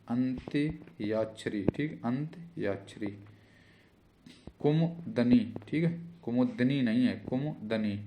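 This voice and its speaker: A man's voice: fairly low pitch, noisy background. A male teacher giving an exam-prep spelling lesson, repeating each word and checking in with "theek hai".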